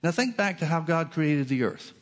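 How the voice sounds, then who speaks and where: A man's voice: a little high, lively intonation, moderate pace. A male pastor preaching a sermon at a pulpit microphone in a church, teaching steadily and reading scripture in old Bible wording.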